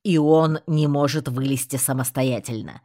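A woman voicing a bossy young male rat in an audiobook, speaking in a brisk, commanding way. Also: very deep voice, dark tone.

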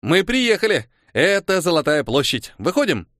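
Brief: excitable chatterbox boy, bright and high, as a man voices him; keep it lively, dry close read. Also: normal speed, dry recording. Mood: excited. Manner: eager, exclaiming, high-pitched. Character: excitable clumsy rich boy, talkative. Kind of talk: audiobook character voice.

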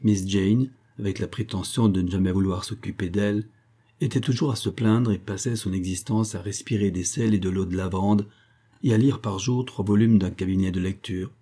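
A man narrating a novel as an audiobook, in a measured, even storytelling manner. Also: fairly low pitch.

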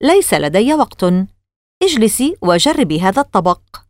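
A secretive scientist father from a children's story, as a woman reader puts him on, calm and evasive with a mysterious edge. His pitch floats lively around the middle. The recording is dry and close. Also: normal speed, no echo, natural voice. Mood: cagey.

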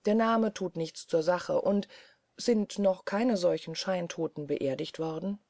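A woman voicing an earnest male scholar's assistant who speaks in a dry, measured, lowered voice. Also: darkish tone, dry recording. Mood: grave, hushed.

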